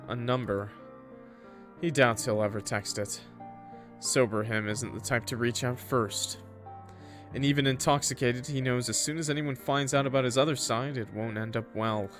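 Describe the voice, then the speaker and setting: Reading a visual novel as a streamer, this man alternates narration with casual chat to viewers, full of swearing and jokes. He speaks at normal speed with a mid-range, fairly even, slightly bright voice, and faint music sits behind him.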